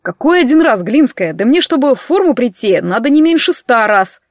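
A woman's voice: a little high, big pitch swings, normal speed, dry recording, studio quality. A woman voicing a teasing, theatrical young man, speaking in a playful, mock-offended way.

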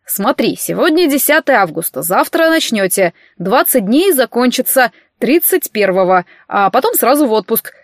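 Женщина изображает напыщенного молодого мужчину-всезнайку. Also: female voice, a little high, sing-song, moderate pace, hardly any pauses, no room sound, studio quality. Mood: brisk. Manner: pompous, sententious. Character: smug young man, self-appointed party judge.

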